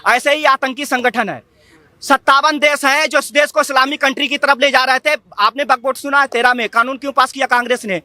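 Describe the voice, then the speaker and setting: Very high, sharp-voiced fiery man. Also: fairly even intonation, fairly quick, dry recording. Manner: fiery, uses animal analogies. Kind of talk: heated political opinion.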